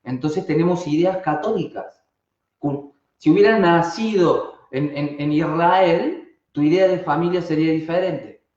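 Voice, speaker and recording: A man with an Argentine Spanish accent teaching an online class, animated and constantly asking rhetorical questions and then answering them. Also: fairly high pitch, unhurried. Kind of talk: live online class talk. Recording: dull, roomy sound.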